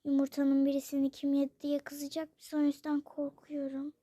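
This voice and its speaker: A child voicing a gentle, worried mother who comforts her daughter in a toy role-play. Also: high-pitched, monotone, normal speed, dry recording, clean studio sound, close to an everyday voice. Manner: soft and soothing, often hushed.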